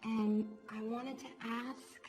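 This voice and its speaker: Brief: a hopeful, hesitant girl of eighteen in an animated film, high voice, very drawn-out delivery, soft score underneath. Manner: earnest, hesitant, sighing. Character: young woman turning eighteen, hopeful and pleading. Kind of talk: animated film dialogue, replayed for learners.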